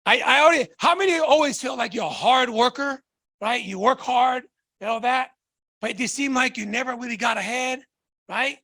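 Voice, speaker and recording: High-voiced fervent man. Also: normal speed, pushed and bright, no echo. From Tonga. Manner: fervent, fires rhetorical questions at the audience. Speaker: motivational speaker. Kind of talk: motivational stage talk.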